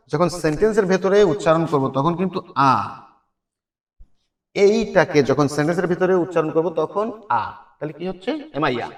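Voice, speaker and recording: A man with a Bangladeshi accent teaching a spoken English lesson, repeating each phrase again and again as a drill. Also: a little high. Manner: drills phrases with many repetitions.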